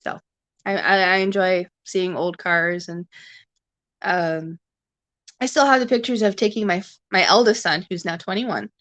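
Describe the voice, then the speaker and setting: This Canadian woman in her forties, a livestream host, has a lowish, slightly bright voice. She chats loosely with her viewers, restarting sentences and filling gaps with fillers. The webcam or phone recording sounds dry.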